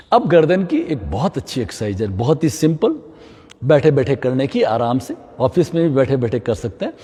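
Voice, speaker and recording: Animated yoga teacher in a reverberant hall. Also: male voice, fairly high pitch, breathy edge. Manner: mixes English phrases into Hindi, frequent "है ना?" check-ins. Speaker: yoga instructor. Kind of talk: guided yoga class instruction.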